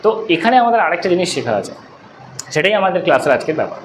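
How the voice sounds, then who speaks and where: A man's voice: sits high, sing-song, fast. A man teaching an English class as tutor, talking conversationally and often checking that students follow. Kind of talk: classroom lecture. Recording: roomy echo, faint room noise.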